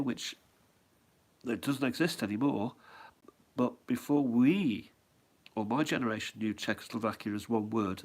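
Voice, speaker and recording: With a creaky, medium-pitched voice, a middle-aged man with a head cold casually displays his stamp album at home. He rambles, ponders aloud, and keeps asking himself questions.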